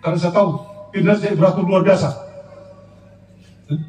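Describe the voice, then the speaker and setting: A middle-aged man with an Eastern Indonesian Sumba accent gives a halting, emotional personal account as a husband, full of repetitions and murmured fillers. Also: high-pitched, steady tone, a little mellow. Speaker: husband giving a public clarification. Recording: distant, echoey room with faint noise.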